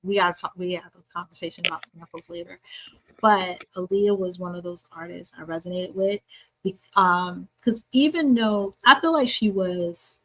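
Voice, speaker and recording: A woman's voice: fairly low pitch, normal speed, low-quality recording. A woman co-hosting a hip-hop podcast, talking casually and emphatically, often repeating words. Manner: animated, emphatic, repeats herself. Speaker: podcast co-host. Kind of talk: casual chat.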